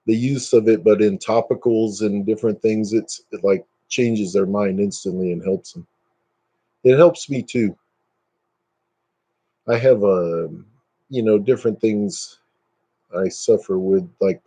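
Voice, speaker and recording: A man's voice: lowish voice, mellow. A man in his fifties hosting a casual live stream, chatting and joking at his own expense. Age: 50s. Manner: joking, self-mocking, chatty.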